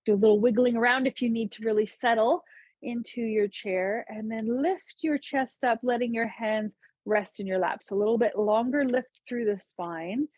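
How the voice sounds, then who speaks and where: A gentle yoga instructor leads a chair yoga session in a slightly high, soft, breathy voice, guiding breath and movement with calm, unhurried cues. The recording is dry and a bit dull, with no echo.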